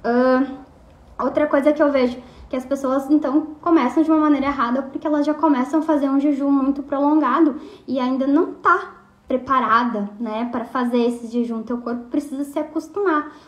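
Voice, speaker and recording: Young woman, high voice, informal talk in an echoey room. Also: steady tone, a little fast. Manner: chatty, frequent tag questions and fillers. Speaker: nutritionist. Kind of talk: casual explanatory talk.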